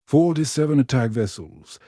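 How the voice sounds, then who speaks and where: A man's voice: mid-range voice, lively intonation, moderate pace, mellow, dry recording, studio quality, natural voice. A man reading an alarmed woman security chief. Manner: urgent, alarmed reporting. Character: urgent female security chief.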